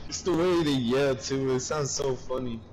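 A man joking around over voice chat while gaming, animated and quick to laugh. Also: mid-range voice, very noisy. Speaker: gamer.

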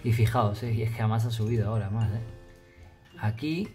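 A man's voice: on the low side, brisk, warm tone, soft background music. A man with a Spain Spanish accent, chatting casually as a vlogger explaining his work, with frequent tag questions and casual swearing. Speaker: vlogger, SEO entrepreneur. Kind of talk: casual explanatory vlog narration.

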